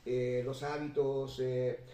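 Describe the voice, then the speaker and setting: A man hosting and moderating a literary panel, speaking in a measured way with many drawn-out fillers. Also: mid-range voice, little pitch movement, warm tone. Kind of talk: conversational panel discussion. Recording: roomy echo, distant mic.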